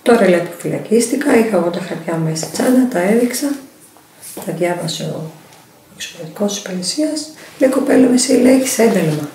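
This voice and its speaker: A woman's voice: on the low side, expressive, warm tone, roomy sound, a little hiss or hum. An older woman, a grandmother, giving an emotional documentary testimony full of quoted back-and-forth. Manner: retells events with many quoted exchanges. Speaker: interviewee, grandmother.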